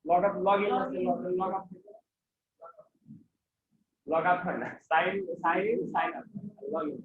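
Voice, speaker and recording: A man's voice: high voice, very slow, narrow, tinny audio. A man teaching a computer class, explaining step by step and checking often that his student follows along. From Bangladesh. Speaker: computer trainer. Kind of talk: classroom instruction. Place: training center classroom. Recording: echoey room with faint background noise.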